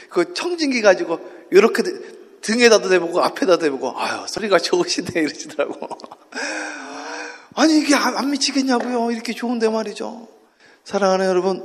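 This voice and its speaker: A man preaching an early-morning sermon, swinging from hushed talk to shouting and leading the congregation in call-and-response. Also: high voice. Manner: impassioned, shifts from hushed to shouting. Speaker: pastor. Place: church sanctuary. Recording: long church hall reverb.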